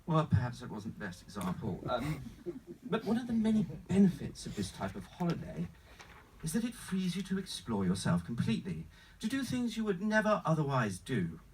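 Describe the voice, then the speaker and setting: A man acting as an unflappable, courteous travel agent with a faintly sinister sales pitch, in a screenplay table read. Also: huge pitch swings, moderate pace, darkish tone, breathy edge, far from the mic, full character voice, rough recording. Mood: smoothly coaxing. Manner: formal, courteous, salesman-like, calls the customer sir.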